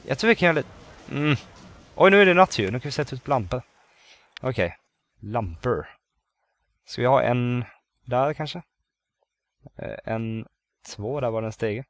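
Chatty man narrating his gameplay. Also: mid-range voice. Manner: chatty, thinks aloud, counts under his breath; bursts into loud excited exclamations. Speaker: let's play gamer. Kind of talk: casual gameplay commentary.

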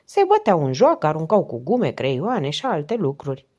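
A woman's voice: low-pitched, huge pitch swings, mellow, highs cut off, heavily acted. A woman voicing a shy, chubby schoolboy who answers questions earnestly and politely in an audiobook reading.

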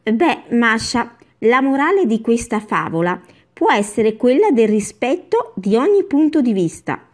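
A woman playing a kind, patient grandmother who tells a fable and teaches gently. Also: fairly high pitch, very animated, unhurried. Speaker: storyteller. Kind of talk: web series doll sitcom acting.

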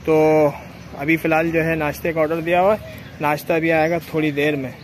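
A man's voice: on the high side, little pitch movement, brisk, slight background noise. A young man vlogging outdoors in a chatty way, speaking directly to his viewers through a lapel mic. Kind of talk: casual travel vlog. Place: outdoors under trees, then riding a motorbike on dusty rural roads. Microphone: clip-on lapel mic.

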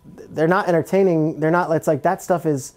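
A man with a New Jersey accent, a sports reporter talking football as a podcast guest in a chatty, quick insider way full of fillers. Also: a little high, steady tone, darkish tone. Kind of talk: casual podcast chat.

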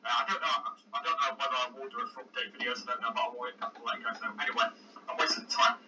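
A man's voice: medium pitch, rapid-fire, bright, forceful tone, lo-fi sound. A man chatting casually and hesitantly as a YouTuber, rambling, heard on a distant, noisy video playback.

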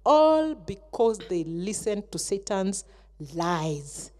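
A woman, a Sunday school teacher telling a Bible story to children in an animated way. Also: medium pitch, slow pace. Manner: animated, acts out the characters.

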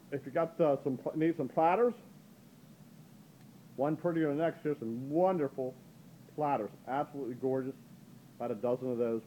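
Filming on a handheld camera from behind it, a mellow-voiced man previews auction pieces in an indoor antique gallery. He's chatty and upbeat, often saying "ladies and gentlemen", and the poor audio has slight background noise.

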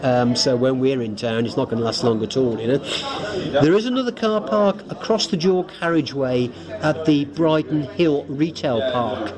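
A man's voice: medium pitch, moderate pace, crowd noise. A man co-hosting a football podcast, chatting casually with dry humour and plenty of fillers. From England. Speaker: podcast co-host. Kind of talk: casual chat about away-ground travel.

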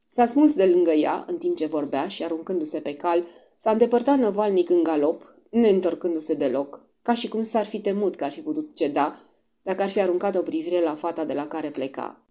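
A woman narrating a classic novel as an audiobook in a measured, even storytelling reading. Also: low voice, muffled recording. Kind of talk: scripted narration.

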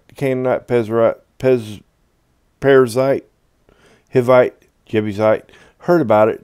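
A man teaching from the Bible in a conversational, halting way, reading long passages aloud and explaining them with fillers and restarts. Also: mid-range voice, dark tone, dry recording, clean studio sound.

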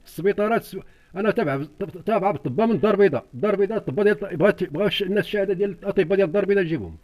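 Older Moroccan man interviewee, rapid pleading delivery, high-pitched voice, repeats himself. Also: darkish tone. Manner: urgent, repetitive, pleading. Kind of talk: distressed eyewitness account.

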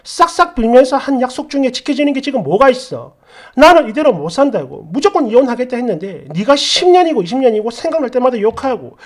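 A woman reading out a hurt wife, exasperated and accusing, pressing her husband for answers with a raised voice. Her pitch swings widely and lively as she argues. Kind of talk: storytelling with acted dialogue.

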